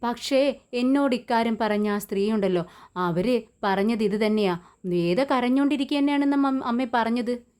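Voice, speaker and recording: A woman's voice: on the high side, moderate pace, darkish tone, clear, resonant tone, lightly acted. Woman reading as an accusing, agitated young woman.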